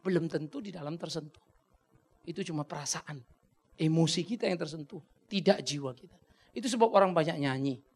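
A man preaching a sermon as pastor, dramatic and blunt, dropping to a hush and then rising to a shout. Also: high-pitched, vocal fry. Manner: dramatic, swings from hushed to shouting; colloquial, blunt asides.

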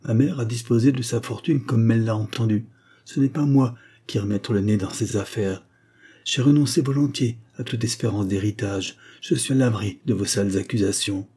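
An icy, haughty merchant, as a male audiobook narrator puts him on, keeping his calm while brushing off his brother. The voice sits low and dark, a little husky, with a mellow edge. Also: moderate pace. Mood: coldly scornful. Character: cold calm contemptuous middle-aged male oil merchant.

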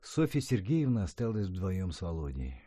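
A low-pitched man narrating an audiobook with a lively, swinging delivery. His tone is dark and husky. The recording is dry and close. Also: normal speed, dry recording. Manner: expressive, character-rich storytelling. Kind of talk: audiobook reading.

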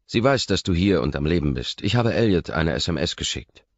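A man voicing a shy, earnest young woman with a soft, slightly raised voice, in a dull, dry audiobook recording. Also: deep voice, very animated, fairly quick, no room sound, full character voice.

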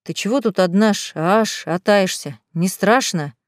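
A woman's voice: mid-range voice, a little slow, no echo, clean studio sound, lightly acted. A woman voicing an awkward young man who stammers and fusses over his guest. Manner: hesitant, stammering, fussing. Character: awkward young man, sober former addict.

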